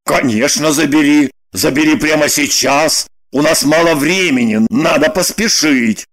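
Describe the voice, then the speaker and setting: A woman voicing an angry, scheming young man in an audiobook, with gruff, scornful shouting. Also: on the low side, sing-song, measured pace, full character voice. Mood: sly. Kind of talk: audiobook narration with voiced characters.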